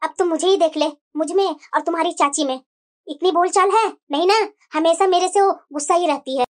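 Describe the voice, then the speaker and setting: A voice actor playing a stern older mother-in-law in a cartoon, lecturing slowly and firmly. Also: very high-pitched, voice pushed down. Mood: stern advising. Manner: slow, measured, lecturing. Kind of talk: cartoon voice acting.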